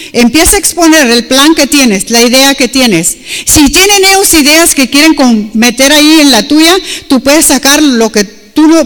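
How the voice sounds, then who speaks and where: A woman's voice: high-pitched, big-room sound. Emphatic woman preacher. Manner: switches between Spanish and English, emphatic and repetitive. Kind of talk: sermon.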